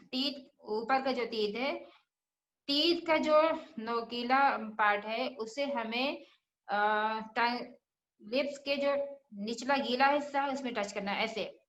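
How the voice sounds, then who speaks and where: A woman's voice: on the high side, fairly bright tone, reverberant. A woman teaching children Quran recitation, patiently repeating each letter sound and asking questions as she goes. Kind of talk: religious lesson for children.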